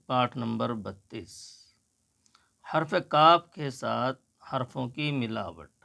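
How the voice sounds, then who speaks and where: A man teaching a slow, patient Urdu writing lesson, explaining each stroke as he writes. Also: mid-range voice, vocal fry, a bit bright.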